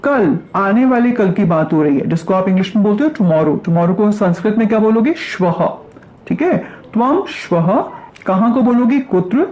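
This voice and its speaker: A woman teaching a grammar lesson. She recites verb forms slowly, then asks questions and answers them herself. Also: medium pitch, mellow. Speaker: Sanskrit teacher.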